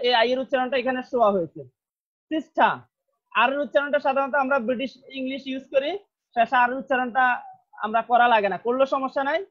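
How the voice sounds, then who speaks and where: A man's voice: very high voice, dull audio. A man with a Bangladeshi accent teaching a classroom pronunciation lesson, repeating each word several times. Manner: slow, repeats words many times, drills sounds. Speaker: English teacher.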